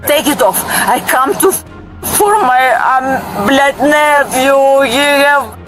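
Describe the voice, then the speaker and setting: High-pitched drunk, unruly foreign-accented woman. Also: expressive, slow pace, rough recording. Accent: foreign, non-native English. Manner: drunk, unruly, agitated repetitive pleading. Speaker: detained airline passenger. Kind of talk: distressed pleading with police. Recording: bodycam audio, loud music and crowd noise.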